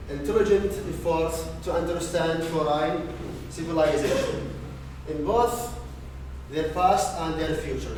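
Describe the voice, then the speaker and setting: Male student from Iraq, somewhat high voice, reads notes with fillers, distant echoey room sound. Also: a little mellow, a little hiss or hum. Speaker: student presenter. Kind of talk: class presentation. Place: classroom. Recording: echoey classroom from far off.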